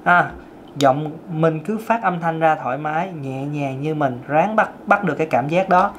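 A man's voice: a little high, moderate pace, a bit bright. Man, thin light tenor voice, casual singing lesson, faint noise behind. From Vietnam. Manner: chatty, self-joking, sings scales in demonstration. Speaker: singing teacher.

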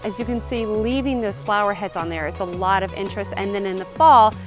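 A woman's voice: mid-range voice, brisk, over music. A woman, giving a casual, upbeat garden tour outdoors and explaining as she walks, recorded on a handheld camera. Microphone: handheld camera, selfie framing.

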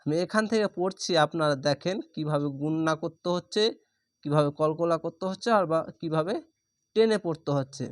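A man whose voice is fairly high in pitch teaches Quran reading, recorded cleanly in a studio without echo. He works patiently through each syllable, spelling it letter by letter and laying out the rules along the way.

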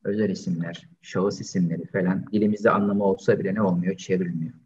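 A man teaching an online language lesson, slowly drilling pronunciation and patiently repeating each word several times. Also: sits low, fairly even intonation, a little mellow. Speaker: Arabic teacher. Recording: distant, dull lo-fi sound.

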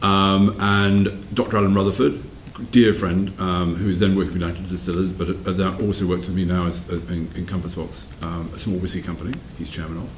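An older man of around 60 from south-west England speaks in a low voice, telling reflective stories in an interview as managing director of a whisky company. He sits indoors by a fireplace in a wood-panelled room, and the roomy space carries his slightly fast, fairly monotone delivery along with a faint hiss or hum.

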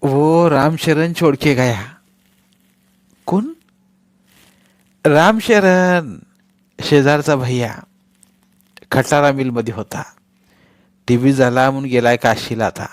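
A man's voice: medium pitch, slow, long pauses, dry recording, studio quality, voice pushed up, natural voice. A man voicing a blunt, short-tempered working woman who scolds and grumbles. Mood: grumbling.

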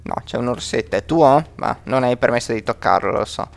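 A man's voice: medium pitch, brisk, vocal fry. A man hosting a let's play, chatting and exclaiming as he jokes about the game. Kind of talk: gameplay commentary.

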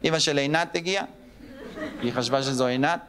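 A man in his thirties doing stand-up on stage, telling childhood stories and slipping into squeaky and gruff voices for the people in them. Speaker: stand-up comedian. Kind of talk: stand-up storytelling. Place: theater stage with live audience. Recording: live show with loud crowd laughter.

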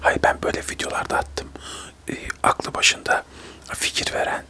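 A man in his thirties doing a whispered role-play of a testy TV debate, arguing insistently in a breathy whisper. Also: moderate pace, pushed and bright. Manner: whispering throughout, argumentative, insistent. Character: testy male TV debate guests squabbling in whispers. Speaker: ASMR creator acting out a debate show.

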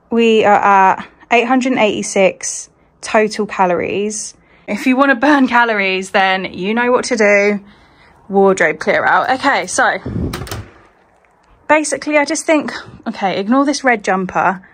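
A home vlogger with a medium-pitched voice chats casually to her phone camera while tidying her bedroom indoors, rambling and poking fun at herself. The recording is rough.

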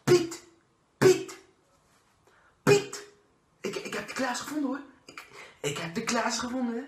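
High, childish, eager burglar. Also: male voice, very animated, unhurried, faint music behind, exaggerated voice. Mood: excited. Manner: high-pitched, chirpy, repetitive. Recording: roomy echo of a bare room.

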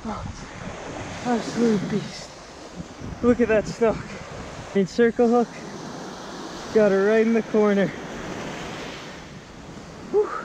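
A young man in his twenties, a fishing vlogger, narrates his trip on an ocean beach into an action camera, first head-mounted and then handheld, with surf and wind behind him. His voice sits high and he talks slowly with long pauses. His commentary is excitable, and he shouts when he hooks fish.

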